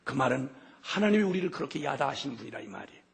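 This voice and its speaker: A middle-aged man preaching a sermon with passion, his voice swinging from hushed to shouting. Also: mid-range voice, sing-song, racing, creaky, slightly rough. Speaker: missionary preacher.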